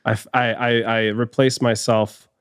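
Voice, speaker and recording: He's a guest on a studio podcast interview: a man in his thirties, an HR executive, with a Hungarian accent. His mid-range voice is clean in tone and flat in delivery, at a normal speed, and he reflects carefully, restarting often and using many fillers. The recording is dry.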